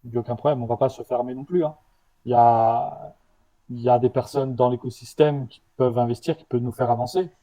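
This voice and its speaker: Man, founder guest, warm mellow tone, slight stutter, halting restarts. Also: medium pitch, steady tone, rough recording. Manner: halting, with restarts and repeated words. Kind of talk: casual interview answers.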